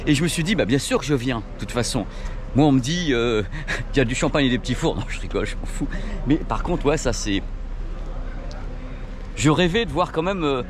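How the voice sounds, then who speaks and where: A man's voice: mid-range voice, animated, brisk, pauses often, background noise. A man hosting a vlog on a factory tour, talking with joking enthusiasm and exclamations as he walks around. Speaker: video host. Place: walking indoors and outdoors at a factory.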